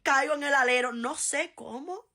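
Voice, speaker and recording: A Cuban woman tells a funny story from her school days in a casual vlog style. Her voice is bright and sits slightly high, and she laughs and acts out the people in the story as she goes. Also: moderate pace. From Cuba. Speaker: vlogger.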